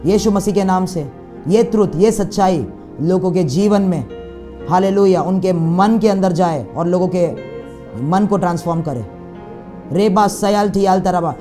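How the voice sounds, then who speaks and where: A man's voice: high voice, mellow. A man preaching a sermon and leading prayer, fervent, with frequent hallelujahs and passages of speaking in tongues. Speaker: pastor.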